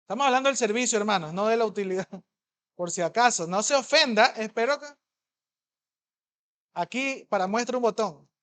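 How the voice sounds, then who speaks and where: Emphatic, conversational male preacher. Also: sits high. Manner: emphatic, swings loud and soft, rhetorical questions to the congregation; conversational, fast at times. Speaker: pastor. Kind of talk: sermon.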